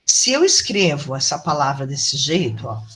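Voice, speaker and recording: A woman's voice: a bass voice, very animated, moderate pace, fairly bright tone. Brazilian lady teacher on a video call, chatty, keeps asking the class if it's ok. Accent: Brazilian Portuguese. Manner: chatty, affectionate, asks the class "tá bom?". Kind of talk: online university lecture.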